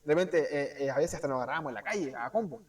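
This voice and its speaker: A man with a Chilean accent preaching an informal sermon in a church, animated and asking rhetorical questions. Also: fairly high pitch, husky, far from the mic. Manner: animated, asks rhetorical "cierto?", acts out quick voices. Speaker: preacher teaching a Bible class.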